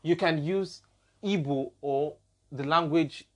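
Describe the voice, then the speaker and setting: A man's voice: on the high side, takes it slowly. A man with a Nigerian accent hosting a casual podcast discussion, building his points through examples. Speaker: podcast host.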